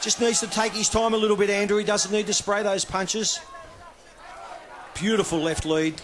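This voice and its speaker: A man's voice: high-pitched, steady tone, normal speed, background noise. A man with an Australian accent hosting and giving live boxing commentary.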